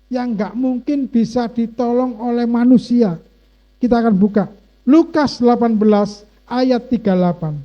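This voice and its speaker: A man preaching a sermon as pastor, emotional, swinging between hushed and loud. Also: extremely high pitch, moderate pace. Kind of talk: sermon with personal testimony. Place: church. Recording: dull, muffled lo-fi church recording.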